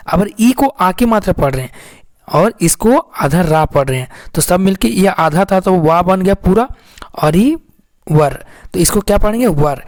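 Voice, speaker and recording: A man teaching English phonics in an online lesson, repeating himself and asking questions that he then answers. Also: high-pitched. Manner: repetitive, quizzing, answers his own questions.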